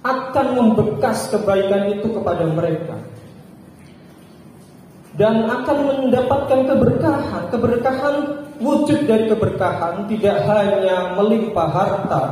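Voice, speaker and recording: A man delivering a Friday sermon with measured phrasing broken into short pauses. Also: sits high, darkish tone, a little hiss or hum. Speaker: preacher. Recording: echoey hall with long reverb.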